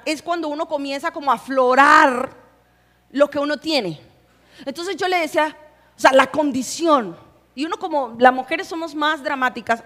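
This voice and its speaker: Young woman pastor, high-pitched and animated, preaching live in a reverberant church hall. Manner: animated, humorous, acts out quoted voices. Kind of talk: sermon.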